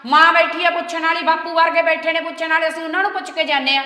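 A woman's voice: very high-pitched, steady tone, quick pace, pushed and bright. A woman playing an indignant young sister-in-law. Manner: indignant, lecturing. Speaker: daughter of the house. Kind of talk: web series acting. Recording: roomy hall reverb.

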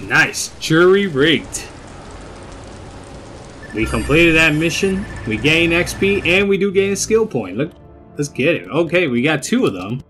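A man's voice: on the high side, sing-song, measured pace, a bit bright. A young man giving casual, rambling gameplay commentary, often repeating his phrases. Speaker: gamer, video host. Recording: game music under the voice.

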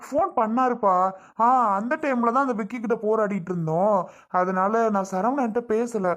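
A woman voicing an elder brother who calmly reassures his father and sister. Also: a little high, normal speed, natural voice. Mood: matter-of-fact. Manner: reassuring, matter-of-fact. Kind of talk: family skit acting.

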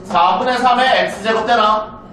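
High-voiced male teacher in a roomy classroom. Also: bright, forceful tone. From South Korea. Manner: asks students frequent check questions, brisk and chatty. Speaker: math teacher. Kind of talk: classroom math lecture. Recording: roomy classroom, mic far off.

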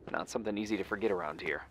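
An actor playing a calm, cryptic official who speaks in a soft, measured way in video game dialogue. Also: male voice, on the low side, no echo.

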